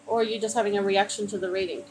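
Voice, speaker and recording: Talking very fast into a phone mic, this tarot reader works through a viewer's cards on a live stream in a soothing, meandering way, full of fillers and restarts, and calls the listener honey. Her medium-pitched voice is a little mellow with fairly even intonation. Faint music sits behind her on poor audio.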